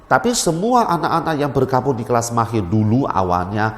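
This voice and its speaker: Guy teacher talking in an interview, lively, repeats stuff for emphasis, echoey room. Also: medium pitch, fairly quick. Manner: animated, repeats words for emphasis. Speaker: Mandarin teacher and school head. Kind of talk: explaining in an interview. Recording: roomy with long reverb.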